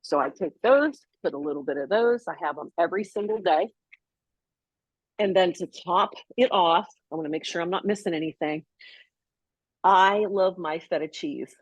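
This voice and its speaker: A woman's voice: on the low side, moderate pace, no echo. A woman co-hosting a health show, chatting casually and explaining step by step as she prepares a salad. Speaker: co-host. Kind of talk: casual cooking demo chat.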